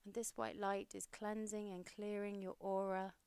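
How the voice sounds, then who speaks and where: A young woman hosting a podcast, leading a guided meditation in a slow, soothing, steady way. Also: medium pitch, vocal fry, clear, resonant tone, no echo.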